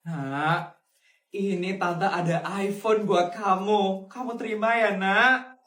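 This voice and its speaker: A woman playing a kind, wealthy middle-aged aunt who speaks softly and consolingly. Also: mid-range voice, takes it slowly, roomy sound, far from the mic. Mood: gentle. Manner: soft, gentle, consoling.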